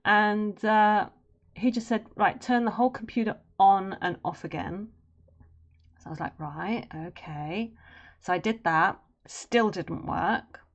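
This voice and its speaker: Drawing on a live stream, an artist chats to her viewers in a loose, meandering way, her naturally low voice moving at a slightly slow pace. Every so often she trails into humming or quiet murmuring as she concentrates. The sound has a flat, lo-fi quality.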